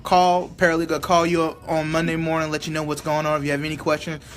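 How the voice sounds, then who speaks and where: A man guesting on a radio show, giving legal help contact information in a measured way. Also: on the high side, monotone. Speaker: attorney guest. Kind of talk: announcing contact info.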